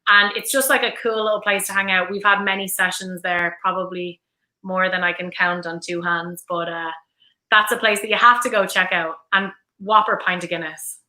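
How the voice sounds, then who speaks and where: A woman's voice: mid-range voice, fairly even intonation, normal speed, sharp tone, roomy sound, rough recording. A woman in her thirties from Dublin with an Irish accent, chatting enthusiastically as a guest on a livestream, full of "like" and "um". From Ireland (Dublin). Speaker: brand ambassador guest. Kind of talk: casual livestream chat.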